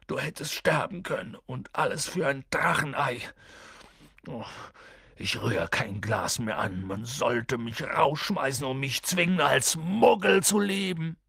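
A man voicing a huge, soft-hearted half-giant groundskeeper in an audiobook, sobbing with remorse and then speaking gently in a husky voice. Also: mid-range voice, lively intonation, unhurried, no echo, studio quality, pitched above the performer's own voice, full character voice. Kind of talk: audiobook character voice.

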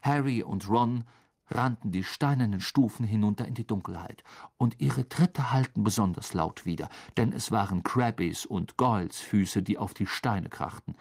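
A reader narrating an audiobook in measured storytelling style. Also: mid-range voice, a little mellow, slightly rough. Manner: measured storytelling with voiced characters.

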